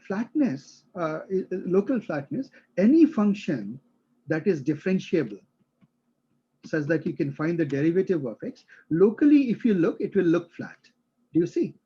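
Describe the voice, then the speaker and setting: A man's voice: on the high side, sing-song, normal speed, slightly rough, dull audio. A male instructor explaining a concept to a live class, using everyday examples and often checking that students follow.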